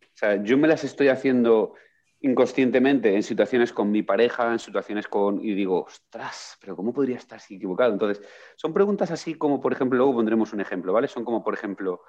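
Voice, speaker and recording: A man in casual conversation, recounting a book and acting out its questions with lively energy. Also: mid-range voice, a little fast. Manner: animated storyteller, acts out quoted questions. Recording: dull lo-fi sound.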